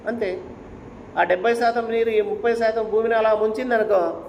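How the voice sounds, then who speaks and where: A man's voice: high voice, steady tone, moderate pace, muffled recording, a little hiss or hum. A man giving a devotional discourse and telling a sacred story, urging listeners with rhetorical questions. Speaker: spiritual speaker. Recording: echoey hall with faint ambience.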